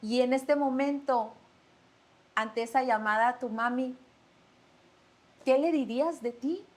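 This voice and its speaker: A woman hosts a heartfelt podcast interview, speaking in with a soft, earnest warmth of manner. Her voice sits a little high for a woman. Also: measured pace. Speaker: podcast host. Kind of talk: gentle, empathetic interview.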